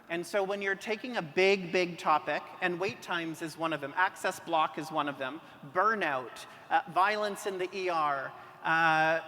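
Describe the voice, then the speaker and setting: A physician speaking on a conference panel, chatty and acting out quoted dialogue, recorded in a reverberant hall. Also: male voice, high voice, sharp tone. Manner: conversational, acts out quoted dialogue. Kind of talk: panel discussion. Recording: reverberant hall with faint noise.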